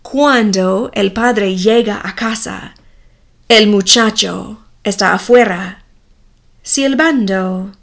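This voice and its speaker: A woman narrating a story slowly, with deliberate, clearly enunciated delivery. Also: medium pitch.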